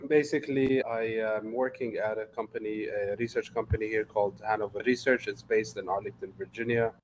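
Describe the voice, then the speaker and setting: A man in his thirties from Lebanon, a guest in a casual interview, speaking in a relaxed way and often repeating words as he thinks. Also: fairly low pitch, a little fast, slight background noise, poor audio.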